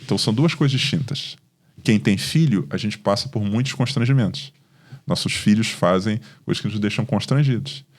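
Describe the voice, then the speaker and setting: A Brazilian pastor with a Brazilian Portuguese accent talks in a podcast conversation, telling stories with animation and acting out the dialogue. His voice is fairly low in pitch and a little fast.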